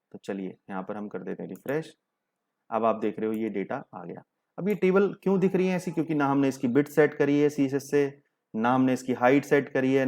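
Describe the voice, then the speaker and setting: A young man with a medium-pitched, slightly mellow voice gives a screen-share coding tutorial. He teaches step by step in Hindi, mixing in English terms.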